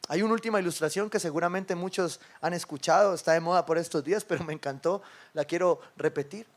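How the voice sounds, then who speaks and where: A male pastor preaches in a high, bright voice. He talks to his congregation like a friend, telling stories in quoted dialogue and checking for agreement along the way. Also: quick pace. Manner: conversational, often asks the congregation for agreement. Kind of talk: sermon. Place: church service with a congregation.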